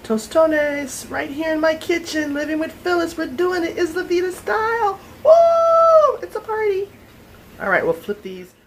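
A woman's voice: very high-pitched, very animated, unhurried, a little hiss or hum. A middle-aged woman hosting a casual home cooking show from her kitchen, chatty and upbeat, talking straight to viewers.

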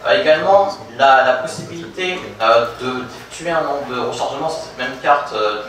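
A young man giving a live product demonstration at a meetup, halting with many fillers and restarts. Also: medium pitch, a bit bright. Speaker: presenter. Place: conference room with audience, projector screen. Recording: very echoey room from a distance.

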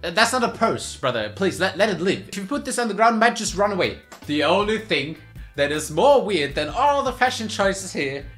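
Man mocking outfits, lively exclaiming voice. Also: high voice, a little fast, echoey room, soft background music. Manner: mocking, exclaiming, rhetorical questions. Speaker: YouTuber reacting to fashion looks. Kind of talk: comedic reaction commentary.

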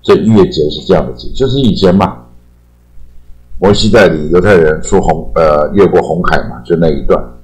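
An older man with a Taiwanese Mandarin accent, explaining English sentences in a chatty lesson and trailing his phrases with drawn-out particles. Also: sits low, a little mellow, faint music behind, poor audio. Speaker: English teacher.

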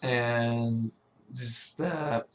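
A man who sounds sick, with a cracking voice, giving an informal, hesitant software tutorial. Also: mid-range voice, fairly even intonation, very slow. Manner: hesitant, often stumbling and throat-clearing. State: sick, sore voice. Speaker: tutorial presenter, level designer.

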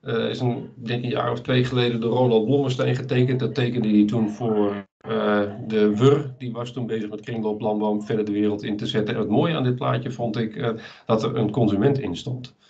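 A man in his fifties presenting a webinar lecture over a video call, measured and explanatory as he walks through slides. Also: mid-range voice, little pitch movement, creaky, darkish tone. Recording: dull lo-fi video call audio.

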